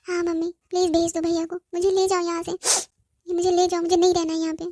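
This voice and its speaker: A woman's voice: very high-pitched, steady tone, a little fast, darkish tone, dry recording, studio quality. A woman voicing a whiny spoiled young bride. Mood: tearful pleading. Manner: pleading, whiny, repeats "mummy". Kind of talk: cartoon voice acting.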